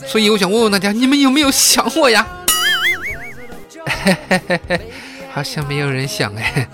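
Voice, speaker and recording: Animated guy hosting a joke podcast, highish voice bouncing around, music playing under him. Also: a little slow. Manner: lively joke-telling with laughs. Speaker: podcast host. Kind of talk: comedic news talk show. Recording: music bed behind voice.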